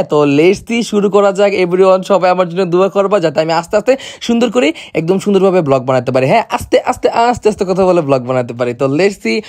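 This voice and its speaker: A slightly high-voiced man talks straight to camera in a loose, rambling vlog. He speaks fast and playfully and keeps speeding up whenever he tries to slow down. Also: darkish tone. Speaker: makeup artist vlogger. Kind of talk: casual chatty vlog to camera.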